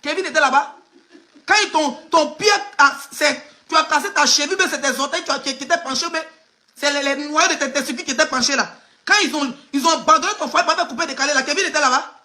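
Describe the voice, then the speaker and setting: Quick and high-pitched, her voice rings bright and forceful. The speaker, an online gossip blogger from Côte d'Ivoire, gives live commentary in an Ivorian French accent, emphatically mocking the person she speaks to directly.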